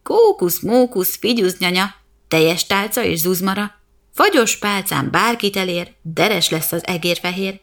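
A woman's voice: medium pitch, gravelly, a bit bright. Woman doing Csimbók, a cocky lazy young cat. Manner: mocking, silly, boastful rhyming.

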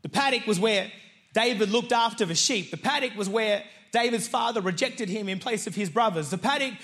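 A man's voice: high voice, a little fast. A man preaching as lead pastor to a live church congregation, joking and chatty. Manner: energetic, joking and conversational with the congregation. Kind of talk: sermon.

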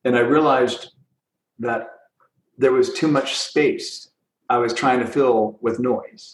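Guest, male, middle pitch, punchy storyteller, recorded in an echoey room. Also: fairly even intonation, slow. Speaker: recruiting guest. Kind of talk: podcast interview.

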